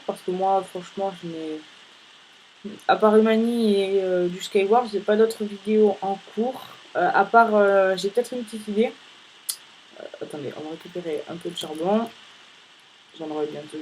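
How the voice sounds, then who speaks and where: Brief: male let's-play host, rambling and playful, talks straight to viewers, mid-high voice, faint hiss. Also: moderate pace, a little mellow, low-quality recording. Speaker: gaming channel host. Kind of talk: casual let's-play commentary.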